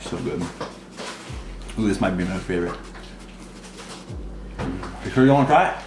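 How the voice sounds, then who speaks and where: A man's voice: sits low, lively intonation, normal speed, background noise. A young man chatting casually while eating, in a laid-back vlog manner. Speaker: fitness vlogger. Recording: echoey room with music.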